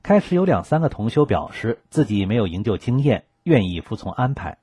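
A man reading a first-person account aloud for a radio program, in a calm, measured storytelling manner. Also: lowish voice, breathy edge, dry recording, studio quality. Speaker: radio reader. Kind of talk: scripted first-person narration.

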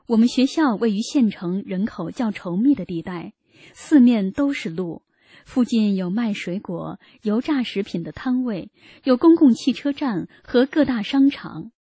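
Earnest woman narrator with a warm, mellow tone, reading a personal testimony. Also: medium pitch, animated, a little slow, breathy edge, no room sound, clean studio sound. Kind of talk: read first-person narration.

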